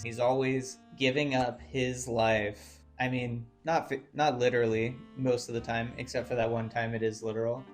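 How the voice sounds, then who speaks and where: Chatty young man doing video commentary. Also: mid-range voice. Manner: chatty, conversational, with fillers and asides. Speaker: YouTuber. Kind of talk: casual video-essay commentary. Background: faint guitar music.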